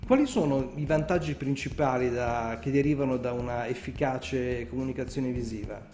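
A man's voice: medium pitch, normal speed, mellow, reverberant, faint music behind. A man with an Italian accent hosting a casual video call interview, hesitating often with filler sounds. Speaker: host.

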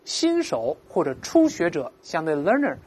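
Here a woman teaches English words in a lowish, darkish, breathy-edged voice whose pitch swoops wildly. She is a patient explainer who slowly demonstrates pronunciations for students to repeat, asking "right?" over and over.

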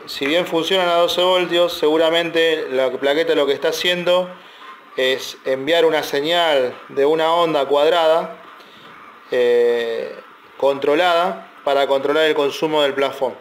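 A man with a slightly high voice walks through a repair job step by step, loose and unscripted, pausing on fillers and restarting his sentences. A faint hum of the workshop sits under his voice. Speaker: electronics repair technician. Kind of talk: casual technical tutorial.

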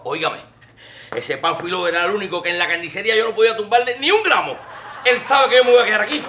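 A man with a Cuban accent playing a nervous, superstitious Cuban back from Spain, animated and mixing in Spanish slang. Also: sits high, quick pace, roomy sound, some chatter behind, a little hiss or hum.

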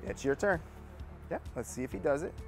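A man's voice: on the high side, expressive, fairly quick, soft background music. A man working as a dog trainer, teaching a hands-on training lesson indoors and coaching with upbeat praise.

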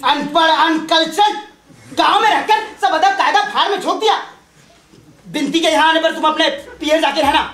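A brash young man, showy and boastful, flaring into shouts, as an actor plays him on stage. His voice rides high, and the stage gives it a ringing echo. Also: normal speed. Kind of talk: live stage play acting. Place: theatre stage. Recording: echoey stage.

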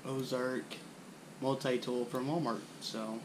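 A man's voice: medium pitch, slow, background noise. A young man casually showing his camping gear, rambling with lots of fillers, recorded indoors on the camera mic. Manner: relaxed, rambling with frequent fillers. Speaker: bushcraft channel host. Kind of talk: casual gear show-and-tell. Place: indoors at a wooden floor, small room.

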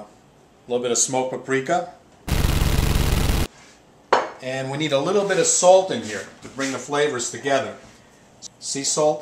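A middle-aged man talks his way through a home cooking demo in a chatty, upbeat manner. His voice sits at an ordinary pitch. The kitchen sounds echoey, with loud frying and sizzling behind him on a camera mic. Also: background noise. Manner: chatty, upbeat, talks while working at the stove. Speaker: home cooking show host. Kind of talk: casual cooking demonstration.

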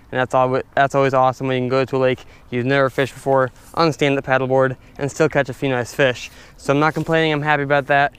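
Young guy chatting on a paddleboard out on a lake, kinda monotone, super clear voice, action cam audio. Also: medium pitch. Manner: excited, chatty, talks to viewers as guys. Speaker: fishing vlogger. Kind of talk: casual outdoor commentary. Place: stand-up paddleboard on a lake, outdoors. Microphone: head-mounted action camera.

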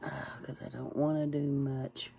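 A woman chatting casually through her makeup, soft-spoken and plain-spoken, often dropping into a whisper. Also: rumbling low, level tone, normal speed, vocal fry, slight background noise. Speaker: makeup vlogger. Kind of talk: casual makeup tutorial chat.

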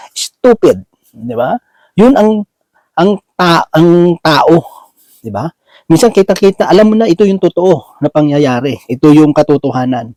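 A man's voice: a little high, mellow, no room sound, rough recording. A man preaching a Bible sermon in a casual, conversational way, often asking his listeners "right?", mixing in English words, and restarting as he searches for words. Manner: mixes English words into Tagalog.

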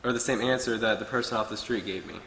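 A young man preaches earnestly from his notes at a pulpit. His voice is bright and forceful. The sound carries a long reverb from a large, echoey church hall. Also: fairly low pitch, steady tone, fast talker, a little hiss or hum. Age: young adult. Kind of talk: sermon. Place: church hall with wood-paneled walls.

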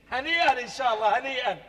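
Brief: a gushing, sly older shopkeeper, high, bright and quick, reverberant stage. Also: male voice, full character voice. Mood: coaxing. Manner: effusive, overly hospitable, sly. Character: fussy, scheming older shopkeeper Abu Shehadeh. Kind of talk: televised stage comedy.

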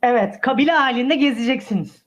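A woman's voice: sits high, fairly quick, natural voice. A woman playing a polite, stubborn tour sales agent in a prank over the phone, with formal, hesitant customer-service patter. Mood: patient, bargaining. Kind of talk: prank call role-play. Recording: muffled phone call audio.

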